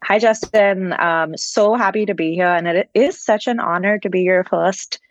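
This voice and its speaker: A woman's voice: medium pitch, moderate pace, no echo. A woman from India, a startup founder, talking as a podcast guest, enthusiastic and fluent with frequent ums. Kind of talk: podcast interview.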